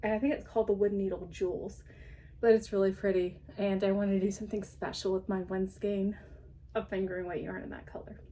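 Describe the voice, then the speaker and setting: A woman's voice: mid-range voice, little pitch movement, a little fast, dark tone, a little hiss or hum. A woman hosting her podcast in a casual show-and-tell chat, rambling along with frequent ums and light laughs, slightly out of breath. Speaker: podcast host.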